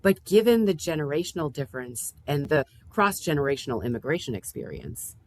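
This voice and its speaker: A woman speaking as a calm therapist, thoughtfully and in a validating way, in a reflective discussion. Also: sits low, brisk. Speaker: therapist, podcast guest.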